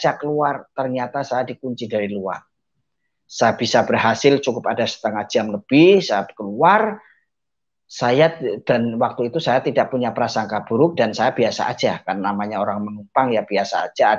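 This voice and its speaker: A man in a mid-pitched voice gives a heartfelt spoken testimony, pausing on small hesitant fillers as he goes. He often turns to his listeners, calling them brothers and sisters. The audio is dull and muffled, like a lo-fi recording. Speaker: testimony speaker.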